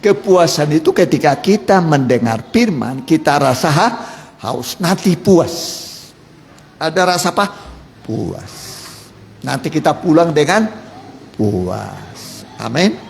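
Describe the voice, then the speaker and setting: Pastor, male, gravelly voice, call-and-response sermon in an echoey church hall with faint noise. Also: a little high, sing-song, slow pace. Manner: quizzes the congregation, jokes, repeats key words.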